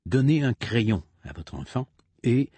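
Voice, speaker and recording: Male reader, slow and expressive, slightly husky, dry close sound; reads parent tips and sings a kids' rhyme. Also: medium pitch, no room sound. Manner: slow, lively reading with playful sung sound effects. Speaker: reader of a parents' literacy booklet. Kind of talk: slow read-aloud narration with sung rhyme.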